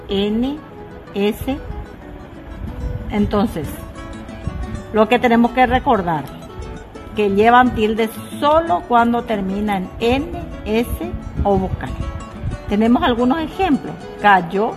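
A woman teaching a lesson, measured and repeating key points, dropping her voice on examples. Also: fairly high pitch, expressive, over music. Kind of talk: slow classroom explanation.

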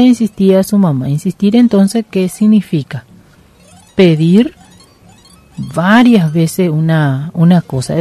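Woman, teacher, patient, coaxing, warm low voice, faint background music. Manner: patient, coaxing, repeats "¿sí?" and "entonces". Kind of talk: slow classroom lesson with a read-aloud story.

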